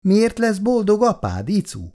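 A gentle, hardworking older mother from a read-aloud storybook, her voice lifted a little above a plain speaking voice, as a male reader puts her on. She speaks mildly and motherly, with a lively rise and fall. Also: sits high, pitched above the performer's own voice, full character voice.

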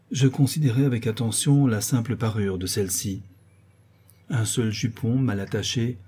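Brief: male audiobook narrator, dark husky voice, measured and expressive. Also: mid-range voice.

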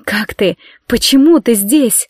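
A woman's voice: a little high, slow, a little mellow, husky, dry recording, studio quality. A woman voicing an anxious, devoted young bride-to-be in an audiobook, speaking earnestly with rising feeling.

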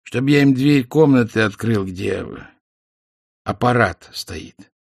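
A man's voice: medium pitch, takes it slowly, creaky, dry recording, clean studio sound, pitched above the performer's own voice. A man voicing an old doorman who answers with curt, soldierly replies in a radio-play style audiobook. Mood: dutiful. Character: old male doorman, stiff and dutiful.

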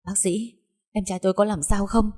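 A woman voicing a hot-tempered peasant woman, an older sister who shouts coarse threats. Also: medium pitch, fairly even intonation, moderate pace, voice pushed up, lightly acted. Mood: anxious, polite.

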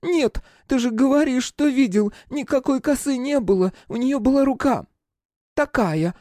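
A man reading an audiobook, voicing a frightened, simple-minded young village woman in a high, pleading voice. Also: animated, normal speed, dark tone, no room sound, studio quality. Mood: agitated.

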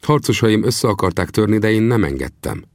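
A man's voice: on the low side, very animated, no echo, clean studio sound, pitched above the performer's own voice. A man voicing a proud, earnest young male Apache chief in an audiobook, speaking solemnly and with reproach. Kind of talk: audiobook character voice.

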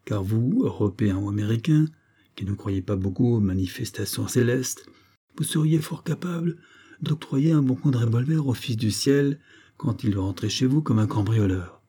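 A man's voice: medium pitch, lively intonation, normal speed, warm tone, husky. A man voicing a grave, formal male secret-society master in an audiobook, speaking in a solemn, ceremonious way.

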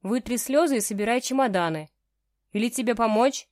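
A woman's voice: on the high side, fairly quick, a little mellow, dry recording, pitched above the performer's own voice, close to an everyday voice. A woman reads a stern, commanding young man in an audiobook romance. He speaks curtly, as if to his subordinates, and the voice sits dry and close. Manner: curt commanding tone.

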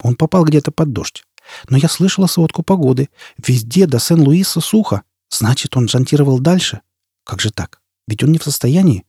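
A man's voice: medium pitch, expressive, normal speed, dark tone, slightly rough, no room sound, studio quality. A man voicing a lonely, anxious young woman teacher who talks in a fretful, pleading way.

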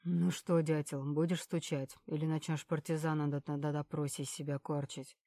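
A calm male security man questions a prisoner with cold, measured menace, voiced by a woman reading the story. His voice runs low and dark. There is no room sound around it. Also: no echo.

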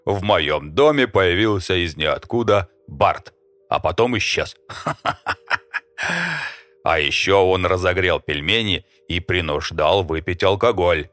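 Pushy swaggering male trader, deep voice, mocking, voiced by a man, dry sound. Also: slow, fairly bright tone, no room sound, faint music behind.

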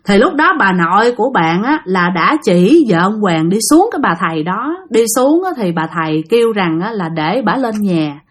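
A woman's voice: mid-range voice, expressive, moderate pace, hardly any pauses. A woman with a Southern Vietnamese accent tells a spirit story in a casual, chatty way. She speaks directly to her listeners as she goes. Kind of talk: casual ghost story telling.

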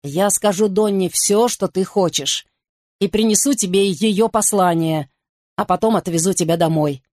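A woman's voice: medium pitch, moderate pace, a little mellow, dry recording, close to an everyday voice. A woman reading the part of a dry, impatient, level-headed man with a sarcastic, weary tone.

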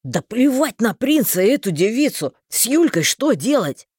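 A woman voicing a hot-tempered young man in an audiobook, loud and indignant. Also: fairly high pitch, sing-song, normal speed, husky, no room sound, clean studio sound. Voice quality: shouting, indignant.

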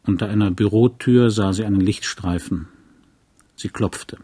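A man reading a novel aloud in a calm, measured narrating voice. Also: lowish voice, husky. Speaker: audiobook reader. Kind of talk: scripted literary narration.

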